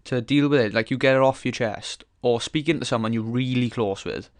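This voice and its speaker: A man's voice: medium pitch, fairly quick, no room sound. A young man hosting a casual solo podcast, rambling frankly with lots of swearing, fillers and restarts as he thinks aloud. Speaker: podcast host.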